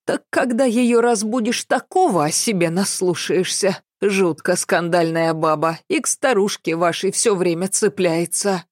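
Weak, tired patient with a bandaged head, complaining quietly, read by a woman. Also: medium pitch, measured pace, hardly any pauses, no echo, clean studio sound, close to an everyday voice.

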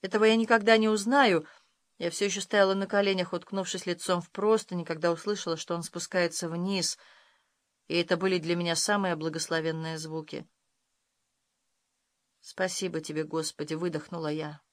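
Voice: medium pitch, flat delivery, a little fast, dry recording. Dramatic audiobook narrator, dry sound. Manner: dramatic, emotional storytelling. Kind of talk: scripted first-person audiobook narration.

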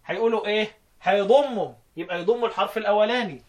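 A man with an Egyptian Arabic accent teaches Quran recitation, slowly chanting verse lines before quickly explaining them and quizzing his students. His voice is high.

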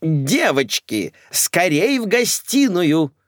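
A man's voice: fairly high pitch, wildly swooping pitch, takes it slowly, breathy edge, dry recording, clean studio sound, voice pushed up, heavily acted. A man reading an audiobook, voicing a bossy, theatrical elderly society mother who gives commands. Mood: imperious.

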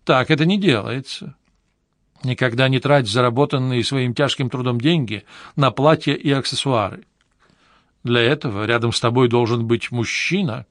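A man's voice: medium pitch, normal speed, fairly bright tone, no echo, studio quality, natural voice. A man reading an audiobook, voicing a flamboyant, flirtatious woman from show business with a gushing, theatrical manner. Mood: bossy. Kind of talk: audiobook character voice.

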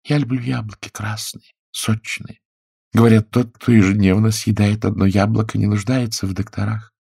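Fussy fifty-year-old wife voiced by a man, creaky and husky, pitched up, audiobook role. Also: flat delivery, normal speed, darkish tone, dry recording, clean studio sound, heavily acted. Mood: fretful. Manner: raised, sing-song pitch. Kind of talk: audiobook character voice.

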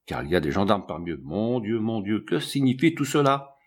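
Brief: man reading as jumpy elderly inventor in a storybook, husky, lively pitch. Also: a little fast. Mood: alarmed. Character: old male scientist, irritable and nervous.

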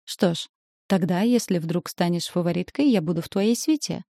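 A clever, composed young woman who weighs her words, as a woman narrator voices her. Her voice sits low and mellow, and she speaks in a measured way. The recording is close and dry. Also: no echo. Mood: thoughtful.

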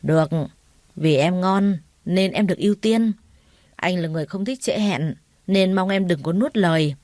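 A smug, lecherous loan shark, read by a woman in a mellow, warm voice, leaning on slow, leering threats. Dry and close, with no room sound around the storybook reading. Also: lowish voice, dry recording, lightly acted. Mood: leering, menacing.

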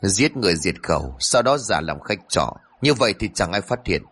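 A brutal gang leader, played by a male storyteller speaks in a cold, menacing way. His voice sits fairly low, with lively intonation. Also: normal speed, husky, full character voice.

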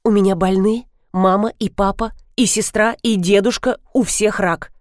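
A woman's voice: mid-range voice, fairly even intonation, normal speed, no echo, studio quality, natural voice. A woman voicing a flustered young female event organizer who chatters shrilly and pleads, in an audiobook reading. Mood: tearful lying.

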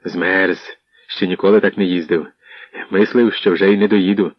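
A man reading an imperious, hoarse, scornful boyar in an audiobook. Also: low-pitched, steady tone, moderate pace, dry recording. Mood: mocking. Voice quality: hoarse, domineering. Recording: dull muffled audio.

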